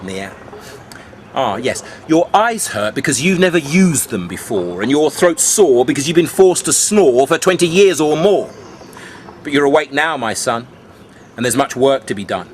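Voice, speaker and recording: A man performing rhyming beat poetry in a cool beatnik manner, with dramatic, drawn-out phrasing, speaking to the listener like a conspiratorial mentor. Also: medium pitch, big pitch swings, slight background noise. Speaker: spoken-word poet.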